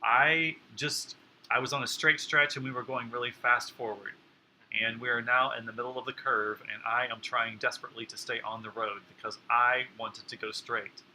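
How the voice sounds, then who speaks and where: A man's voice: mid-range voice, fairly even intonation, moderate pace, bright, forceful tone, a little hiss or hum, rough recording. A man co-hosting a home cooking chat show, talking in a chatty, playful, self-deprecating way. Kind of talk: casual chat. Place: home kitchen.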